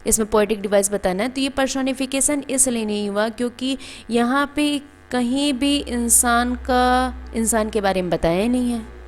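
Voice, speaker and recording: A woman's voice: fairly high pitch, normal speed, a little hiss or hum. Woman teacher explaining step by step. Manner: explains step by step, asks and answers own questions; calls students "beta". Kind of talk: classroom grammar lesson.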